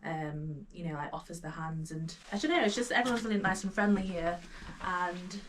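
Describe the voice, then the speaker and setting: A woman's voice: fairly low pitch, a little fast. A woman talking as a guest on a podcast, easygoing and chatty with many fillers. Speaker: podcast guest, food blogger. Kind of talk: casual chat. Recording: somewhat distant mic with faint noise.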